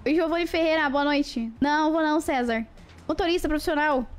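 A young woman with a high, bright-pitched voice chats playfully on a livestream, greeting viewers by name. Faint music plays quietly behind her. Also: brisk. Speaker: live streamer. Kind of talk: casual livestream chat with viewers.

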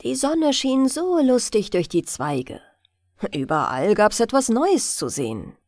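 Reading a bedtime fairy tale like an audiobook narrator, a woman uses a rather high voice with lively, varied intonation. She tells it expressively and unhurriedly, a little slow, in clean studio sound with no echo.

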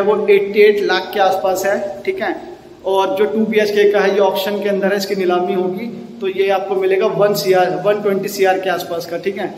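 A man in his thirties casually shows off a new apartment building as he walks through it, recording a vlog on a handheld phone at arm's length. The audio is poor with slight background noise, and his voice is high-pitched with a darkish tone.

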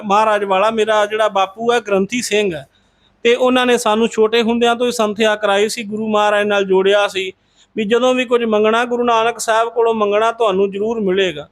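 A man retells a devotional story in an easy, conversational way and addresses his listeners respectfully as a congregation. His voice sits very high for a man. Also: a bit bright. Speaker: Sikh religious storyteller.

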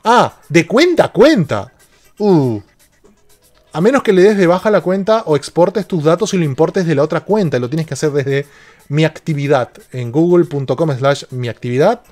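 A man with a fairly high voice hosts a casual tech live stream, chatting and joking as he reads out viewer questions. He talks into a desk microphone in a home studio. Faint music plays underneath. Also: expressive, normal speed, darkish tone.

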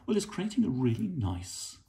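A middle-aged man chatting gently and encouragingly as he draws together with his daughter. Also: a little high, wildly swooping pitch, normal speed, vocal fry, noisy background. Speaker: artist and co-host. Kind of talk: casual chat while drawing.

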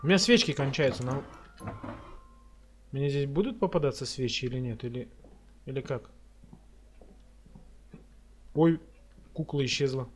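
A man's voice: mid-range voice, measured pace, long pauses, a little hiss or hum. A man giving casual commentary on a horror game playthrough as a scared, jumpy streamer who mutters and swears as he reacts.

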